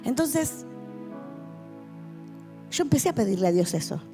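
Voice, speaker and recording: A woman's voice: on the high side, very animated, a little slow, creaky, mellow, soft background music. Passionate Rioplatense woman pastor preaching. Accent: Rioplatense Spanish. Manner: passionate, vivid storytelling. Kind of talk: testimony sermon to a youth meeting.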